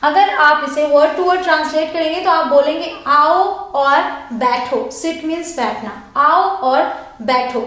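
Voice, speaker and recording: A woman teaching English vocabulary in Hindi, explaining patiently and drawing out the example sentences slowly. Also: high voice, a bit bright. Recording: very echoey room.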